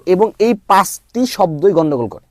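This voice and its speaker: A man teaching English pronunciation, spelling out letters slowly before saying each word. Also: high voice, expressive, dry recording, clean studio sound. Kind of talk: slow spelled-out phonics lesson.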